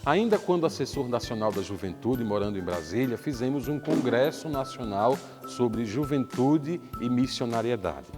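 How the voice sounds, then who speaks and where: Middle-aged priest over clear music. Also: male voice, mid-range voice, lively intonation, normal speed, few pauses. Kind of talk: narrated storytelling.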